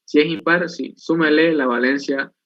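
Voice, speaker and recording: A man's voice: a little high, fairly even intonation, moderate pace, fairly bright tone, no room sound. Man teaching step by step. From Bolivia. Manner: explains step by step, asking and answering his own questions. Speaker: chemistry instructor. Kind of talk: online class lecture. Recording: dull, dry lo-fi recording.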